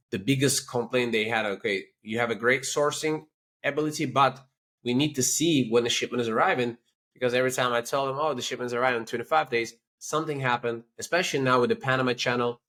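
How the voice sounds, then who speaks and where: A company CEO from Turkey, speaking with a Turkish accent at a middle pitch, appears as a guest on a business podcast interview. He talks quickly, animated and chatty, leaning often on "you know" and "like."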